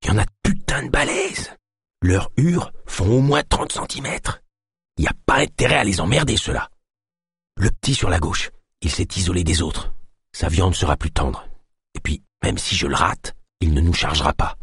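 A man's voice: sits low, expressive, moderate pace, vocal fry, fairly bright tone, slightly rough, no room sound, clean studio sound, heavily acted. A man voicing a tough young woman hunter who talks in a terse, urgent way, with swearing. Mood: tense.

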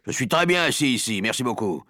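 A man's voice: lively intonation, quick pace, no room sound. A man voicing a rude, blustering father who raises his voice in indignation. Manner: loud, indignant, raised high voice. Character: rude, blustering middle-aged father with mustache.

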